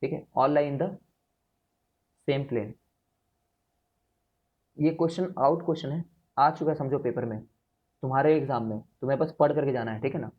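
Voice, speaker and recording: A young man teaching physics to a class in a chatty, lively way, mixing in English phrases. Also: mid-range voice, moderate pace, long pauses, highs cut off. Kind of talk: classroom lecture.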